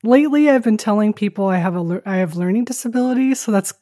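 A woman's voice: medium pitch, fast, dark tone, dry recording, clean studio sound. A woman from Taiwan, speaking candidly and a little hesitantly as an interview guest, with a self-deprecating touch. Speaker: podcast guest.

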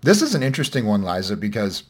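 A man's voice: on the low side, big pitch swings, fast talker, husky. A man hosting a casual podcast discussion, talking in a rambling, self-correcting, wry way. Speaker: podcast host.

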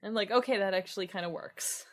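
A woman's voice: medium pitch, fast talker, fairly bright tone. A woman co-hosting a podcast, retelling a story in a chatty, wry way. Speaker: podcast co-host. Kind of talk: casual chat.

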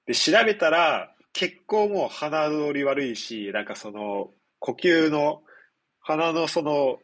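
A man in his twenties with a nasal, stuffed-up, husky voice, chatting casually as a podcast host in a rambling, explanatory way. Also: fairly high pitch, lively intonation, slow, a bit bright. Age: 20s. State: congested after nose surgery. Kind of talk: casual chat.

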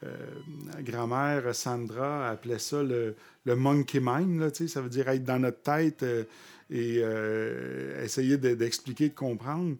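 A man with a Québécois accent, a podcast guest recounting personal experiences in conversation, pausing often with fillers and restarting his sentences. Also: mid-range voice, fairly even intonation, gravelly, darkish tone. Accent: Québécois French. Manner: halting, with frequent fillers and restarts. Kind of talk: conversational storytelling.

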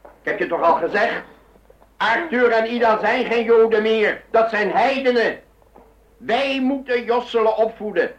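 Brief: an unyielding old patriarch, high reedy voice, dull echoey radio-play sound. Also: male voice, a little slow. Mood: stern defiant. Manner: stern, unyielding. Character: stern pious old grandfather, stubborn. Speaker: grandfather. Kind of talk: radio drama acting.

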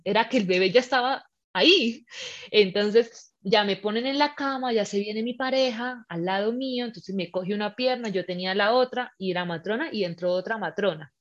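A woman telling a personal story in casual chat, animated and acting out the scenes with her voice. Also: mid-range voice. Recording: slightly muffled lo-fi recording.

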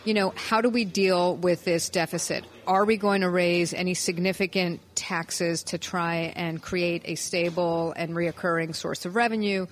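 A woman reporter co-hosting a political news podcast, calmly explaining background details in a casual chat. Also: fairly low pitch, poor audio.

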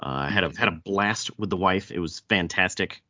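A man's voice: sits low, brisk, sharp tone. A man with a thick Southern US accent hosting a casual podcast chat, often stammering and repeating words as he goes. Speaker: podcast host. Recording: dull, roomy echo.

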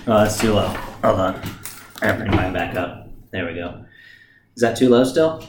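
A podcast co-host in casual chat, talking loud and cursing freely after a few beers. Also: deep voice, moderate pace, echoey room, slight background noise. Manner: loud, swearing, bouncy delivery.

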